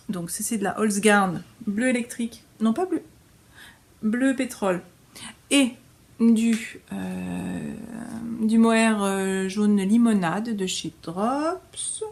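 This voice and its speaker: Chatty French woman hosting a knitting show. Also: medium pitch. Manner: chatty, hesitant with frequent fillers and restarts. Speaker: knitting podcast host. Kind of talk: casual show-and-tell chat.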